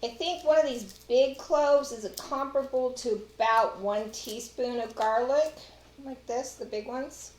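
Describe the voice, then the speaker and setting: On a casual home cooking show, a middle-aged Texan host chats to viewers while working. Her voice is on the high side and a little mellow, at a measured pace. A far camera records the echoey kitchen with clattering dishes and a slight hiss or hum.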